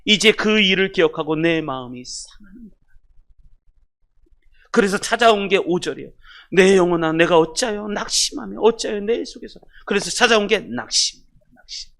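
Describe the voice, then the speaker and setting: High bright-voiced pastor preaching. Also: male voice, a little fast, creaky. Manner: dramatic swings from loud exhortation to hushed near-whispers; leads the congregation in reading aloud. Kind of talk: sermon.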